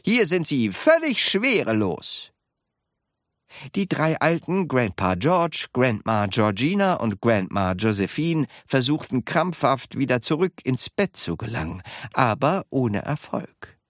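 An audiobook reader narrating a children's story in an unhurried, expressive way. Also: mid-range voice, no echo, clean studio sound.

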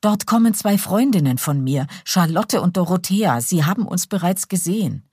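Earnest young lady, slightly flustered, eager, as a woman narrator plays her; husky, dry studio read. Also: on the low side, lively intonation, moderate pace, mellow, no room sound, pitched above the performer's own voice.

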